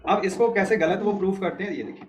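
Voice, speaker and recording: Higher-voiced man teaching an online class. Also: quick pace, highs cut off, noisy background. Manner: explains step by step, keeps checking students follow.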